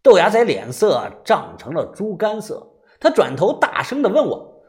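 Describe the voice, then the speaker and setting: A man narrating a first-person adventure audiobook in a storytelling manner. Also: moderate pace. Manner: storytelling, very lively pitch.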